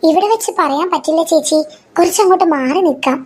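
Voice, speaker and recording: A woman voicing a scheming, gossiping neighbor woman who talks in a hushed, confiding way. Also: extremely high pitch, fast, noisy background.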